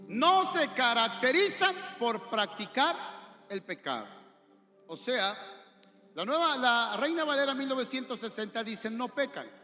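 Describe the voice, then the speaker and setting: A high, bright male voice delivers an impassioned sermon with a Mexican accent, climbing to shouts and calling out questions to the congregation. The church hall echoes with a long reverb, and faint music sits underneath. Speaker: pastor.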